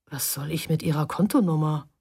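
A woman's voice: deep voice, fairly quick, creaky, mellow, breathy edge, full character voice. A woman doing a curt, irritable young woman. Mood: impatient. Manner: curt and impatient.

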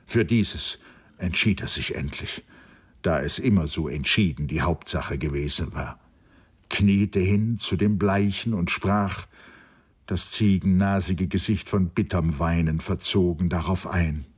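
Deep, husky male audiobook narrator. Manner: measured, solemn storytelling.

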